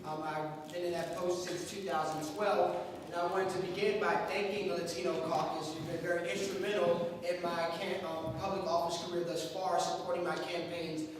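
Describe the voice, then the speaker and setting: High-pitched man giving an oratorical speech. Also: flat delivery, normal speed, noisy background. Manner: polished, oratorical. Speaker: political candidate. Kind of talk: campaign speech. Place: community center hall. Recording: echoey hall, from far off.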